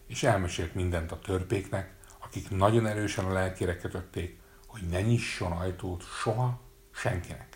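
Low-voiced guy narrating a fairy tale, steady storytelling.

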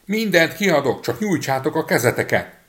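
A man voicing a tiny, clever, cheeky boy in a storybook reading, pitched high and calling out loudly. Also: expressive. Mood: scheming. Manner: shouting high and loud.

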